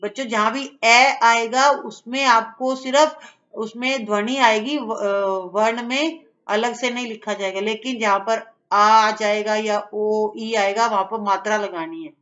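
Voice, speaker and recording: A woman's voice: on the high side, steady tone, measured pace, a bit bright, highs cut off. A woman teaching a children's lesson, patiently explaining each step.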